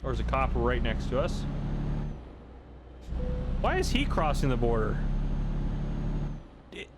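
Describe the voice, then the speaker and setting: A young man in a relaxed, talkative mood, narrating his gameplay in a medium voice. He rambles and second-guesses himself with easy humor. Steady engine noise from the game runs clearly underneath him. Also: medium pitch, slow pace. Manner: chatty, self-deprecating, thinks aloud. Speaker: gaming channel host. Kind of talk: casual gameplay commentary.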